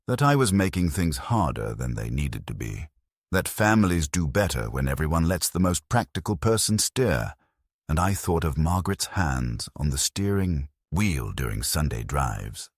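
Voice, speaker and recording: An older man narrating a first-person story in a measured, even-toned way with long flowing sentences. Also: deep voice, no echo, clean studio sound.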